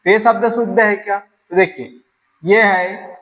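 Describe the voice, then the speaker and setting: High-voiced Rajasthani man teaching grammar. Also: steady tone, measured pace, fairly bright tone, rough recording. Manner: explains step by step, asks and answers his own questions. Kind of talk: exam-prep grammar lesson.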